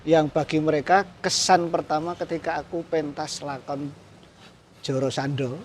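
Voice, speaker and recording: A guest puppeteer from Central Java, Indonesia, talks at a normal speed in a fairly high voice, with a little hiss or hum on the recording. Relaxed and often chuckling, he speaks with a Javanese accent and moves between Javanese and Indonesian in this casual interview.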